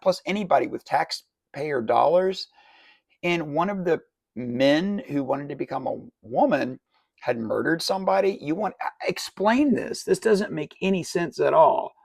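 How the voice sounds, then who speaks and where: A man fires off exasperated questions in a mock interview. His voice sits a little high and turns gravelly at the ends of phrases. The recording is very dry and close. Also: no echo. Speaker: satirical interviewer.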